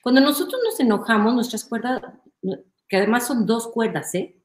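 A woman with a Mexican accent talks in a lively, explanatory way as an interview guest, often checking in with "¿no?". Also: a little high, moderate pace. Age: adult, a mother. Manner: animated, explanatory, often asks "¿no?". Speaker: guest, image consultant. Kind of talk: conversational interview. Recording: roomy echo.

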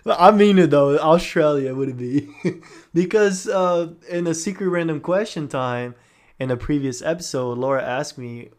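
A man's voice: mid-range voice, darkish tone. Young guy cohosting a chatty podcast q&a, upbeat and laughy, keeps it loose. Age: young adult. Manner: upbeat, laughs often, enthusiastic. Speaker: podcast co-host. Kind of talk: casual Q&A chat. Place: home setup, recorded for a podcast.

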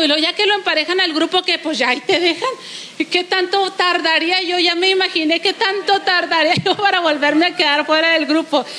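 A woman pastor, giving an animated sermon that acts out the voices in her stories. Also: very high-pitched, slight background noise.

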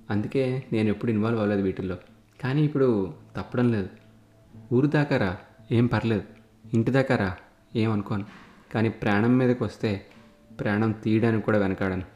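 A man voicing a calm, steely young man in a spoken story, low and measured with a quiet menace, recorded in an echoey room with faint guitar music. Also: close to an everyday voice.

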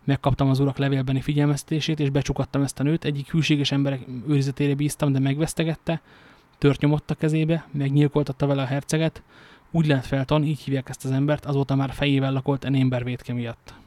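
A man's voice: medium pitch, little pitch movement, few pauses, darkish tone, no echo, lightly acted. A man reading the part of a vengeful male English lord who demands justice, indignant and formal.

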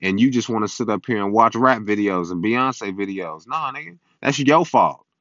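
A man's voice: fairly low pitch, animated, normal speed, fairly bright tone, no echo. A man in his early twenties hosting a podcast, recorded on a phone instead of a microphone, talking in a blunt, profane, preachy way. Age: early 20s. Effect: recorded on a phone, not a microphone. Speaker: podcast host. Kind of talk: casual opinion monologue. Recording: dull lo-fi phone recording, dry.

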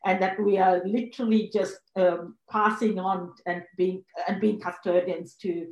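A woman moderates a panel, her questions halting and full of fillers and restarts. Her pitch sits in the middle range. The room gives her voice a noticeable echo. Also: level tone, a little mellow, dull audio. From Sri Lanka. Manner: hesitant, many fillers and restarts. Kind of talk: panel discussion.

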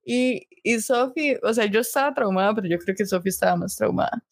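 A young woman with a Costa Rican accent, co-hosting a podcast and telling a story in an animated, laughing way. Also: on the high side, fairly quick. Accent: Costa Rican Spanish. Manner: animated storyteller, tag questions, laughs often. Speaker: podcast co-host. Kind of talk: casual storytelling chat.

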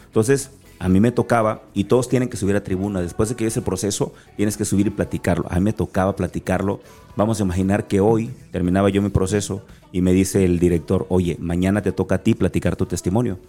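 A man with an Acapulco Mexican accent speaks as a guest in an interview, a lively storyteller who acts out the conversations he recounts. His voice sits fairly low and sounds mellow and dark. Faint music plays under the talk. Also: quick pace. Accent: Mexican Spanish, from Acapulco. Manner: animated storyteller, acts out dialogue.

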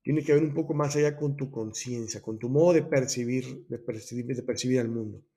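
Talking fairly quickly in a warm, mid-range voice, this man hosts a personal growth podcast and works through Buddhist concepts. He keeps restarting, correcting himself, and drifting into asides, all in a thoughtful way.

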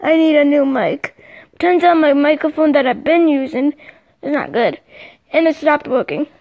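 Young woman, pretty high voice, rambly casual podcast chat into her phone mic. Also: lively intonation, moderate pace, darkish tone. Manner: rambling, chatty, lots of fillers. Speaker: podcast host. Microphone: phone microphone.

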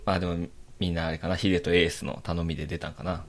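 A man's voice: low voice, flat delivery, quick pace. A young man with a Kansai accent, co-hosting a podcast in casual chat with dry, wry teasing. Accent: Kansai Japanese. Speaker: podcast co-host.

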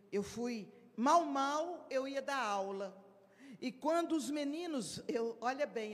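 A woman delivers a spiritist lecture with emphasis, slipping into short acted dialogues to make her points. She speaks slowly and deliberately. Her voice rings with the long reverb of a large hall. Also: a little high. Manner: emphatic, acts out little dialogues.

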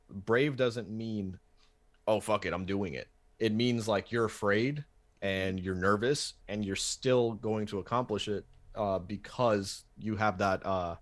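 Joking, rambling man with a low voice. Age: 30s. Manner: rambling, joking, self-mocking. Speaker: podcast guest. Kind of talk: casual podcast chat.

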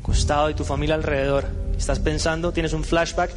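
A man giving a humorous, emphatic motivational speech that rises to loud, intense passages. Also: fairly high pitch, level tone, fairly quick. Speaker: motivational speaker. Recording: reverberant hall with faint music.

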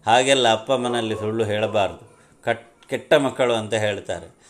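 A gentle poor village mother consoles her child in a soft, unhurried voice, as a man reading a story puts her on. The voice sits fairly low, close to a plain everyday tone. It stays calm and forgiving throughout. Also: a little hiss or hum, close to an everyday voice. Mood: tender.

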